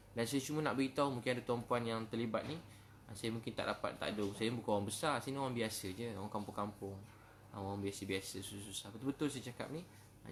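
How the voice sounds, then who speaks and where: A man's voice: fairly low pitch, slight background noise. A man preaching in a casual question-and-answer talk, with a Malaysian Malay accent and lots of "ha" fillers between phrases. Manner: fast, warm conversational preaching with many "ha" fillers. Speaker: religious preacher.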